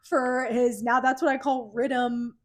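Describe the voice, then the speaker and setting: Casual female podcast co-host, higher-than-average voice, wry and playfully opinionated. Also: level tone, a little slow, a crowd in the background. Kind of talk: casual chat.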